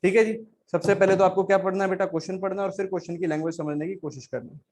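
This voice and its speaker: A man's voice: high-pitched, fairly even intonation, rapid-fire, a little mellow. A man teaching a lesson in a coaxing manner, asking questions and answering them himself on words. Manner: coaxing, repeats questions and answers, calls listeners beta. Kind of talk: classroom lesson.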